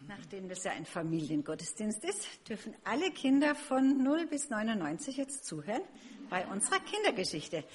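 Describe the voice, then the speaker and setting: A woman's voice: mid-range voice, big pitch swings, normal speed. A woman reading a children's story aloud at a family church service, friendly and chatty with the kids.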